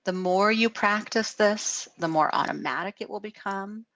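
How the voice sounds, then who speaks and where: A middle-aged woman counselor giving a gentle guided wellness talk over a video call, often asking "right?". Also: mid-range voice, moderate pace, dry recording. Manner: gentle, frequent "right?" tags.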